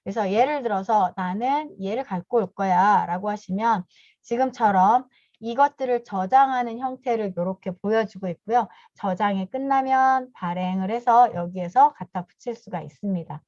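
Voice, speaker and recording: A woman's voice: mid-range voice, normal speed, a little mellow, no echo. A woman in her fifties gives a step-by-step online training talk to teachers over a video call, politely punctuating her phrases with a short affirming "yes". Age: 50s. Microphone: video call mic. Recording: dull, dry video call audio.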